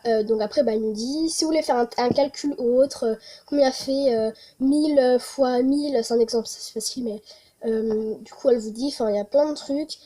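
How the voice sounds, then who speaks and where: A young woman talks casually to her viewers about a holiday wishlist. Her voice sits a little high but sounds soft and mellow. She hesitates often as she goes. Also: normal speed. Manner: chatty, many hesitations. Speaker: vlogger.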